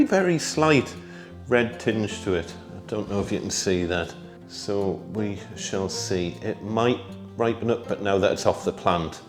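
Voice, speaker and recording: Brief: British man, low-pitched, relaxed and chatty gardening vlogger, faint music underneath. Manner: chatty, relaxed, thinks aloud with small asides; talks while tasting food. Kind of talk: casual gardening vlog.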